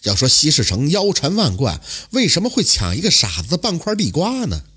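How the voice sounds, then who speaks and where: A man tells a traditional folk tale with a husky, slightly breathy voice. His pitch swings widely as he dramatizes the story in an animated oral-storytelling style. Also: a little fast. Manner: lively, dramatic intonation.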